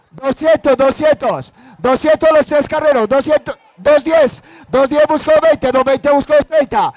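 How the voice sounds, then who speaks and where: High-pitched Colombian man, rapid auctioneer calling. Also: a little mellow, no room sound. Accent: Colombian, Antioquia. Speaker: livestock auctioneer.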